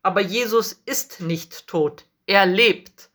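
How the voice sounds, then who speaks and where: In a storybook reading, a woman gives voice to the apostle Peter, portraying him as a bold, earnest man. Her mid-range voice is slightly bright, and she speaks slowly, declaring things firmly and earnestly.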